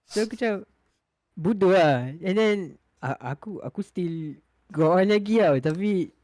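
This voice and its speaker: Young Malaysian male, slightly high voice, close dry sound, slangy Singlish-style Malay-English mix, casual storyteller. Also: normal speed, darkish tone, no room sound. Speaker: podcast panelist. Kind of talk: casual chat, telling personal anecdotes.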